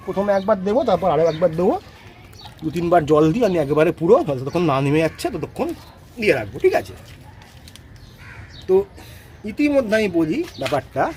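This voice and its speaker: A high, animated male voice, walking through garden care in quick, explanatory speech. He keeps checking that listeners follow along, over faint outdoor noise. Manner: explanatory, repeats "ঠিক আছে?" to check understanding. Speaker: rose gardening expert. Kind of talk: casual outdoor demonstration.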